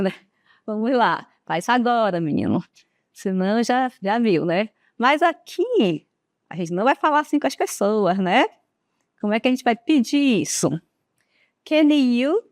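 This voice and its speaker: A woman from Brazil teaching an English lesson, slow and patient, often checking in with her students. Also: a little high, dry recording. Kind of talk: classroom lesson.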